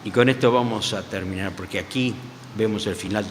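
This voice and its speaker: An older man from Uruguay with a Uruguayan Spanish accent, preaching a sermon. He tells the story with animated, stammering restarts. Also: on the low side, fairly quick, noisy background. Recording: church hall with long reverb.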